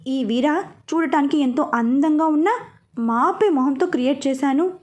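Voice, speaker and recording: A bubbly, teasing young heroine who chatters and loves to mimic, as a woman reads her lines. The voice sits high and bright, quick with playful jabs. It comes across as a storybook read aloud. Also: close to an everyday voice. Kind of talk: storybook dialogue reading.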